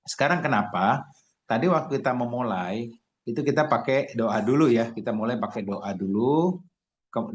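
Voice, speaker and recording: A man's voice: medium pitch, dull audio. A man giving a motivational talk over slides, tagging his sentences with "ya" and restarting words as he goes. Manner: frequent "ya" tags, restarts, acted shouted quotes. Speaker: presenter.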